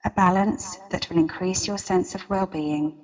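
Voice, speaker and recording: Woman, slightly low voice, slow soothing countdown style, guided meditation, muffled reverberant recording. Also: steady tone, darkish tone. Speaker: meditation guide and interview guest.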